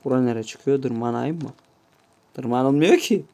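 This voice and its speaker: A man's voice: medium pitch, takes it slowly, a little mellow. A man giving casual gameplay commentary, swearing constantly and grumbling to his viewers in mock-offended asides. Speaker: gameplay YouTuber.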